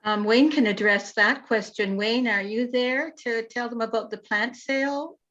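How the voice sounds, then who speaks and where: A woman's voice: a little high, normal speed. Woman host, effusive, a bit flustered, dull muffled call audio. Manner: warm and effusive, laughing, slightly flustered. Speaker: society host. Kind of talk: casual moderating on a video call. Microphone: video call.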